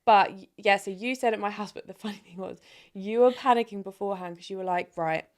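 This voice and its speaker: A young woman co-hosting a podcast, chatty and quick to laugh as she tells stories. Her voice sits at an everyday middle pitch for a woman. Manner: chatty storyteller, laughing often. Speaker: podcast co-host. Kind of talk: casual chat.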